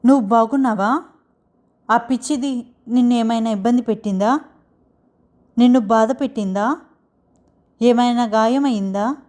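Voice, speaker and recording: A woman's voice: medium pitch, steady tone, a little slow, darkish tone, lightly acted. A woman reading the lines of a protective young husband in a story, doting and anxious, in her own voice. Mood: worried. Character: protective young husband, tender but fierce.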